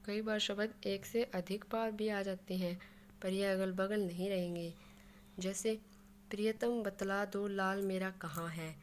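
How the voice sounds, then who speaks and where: A woman with a medium-pitched voice explains a Hindi grammar lesson, working through examples step by step and mixing English words into her Hindi. There is a little hiss or hum in the recording.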